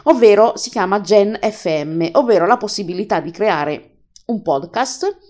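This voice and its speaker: A woman's voice: mid-range voice, animated, moderate pace, a little mellow. A woman hosting a casual tutorial, chatty and enthusiastic, explaining each step to her listeners. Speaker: podcast host teaching an app.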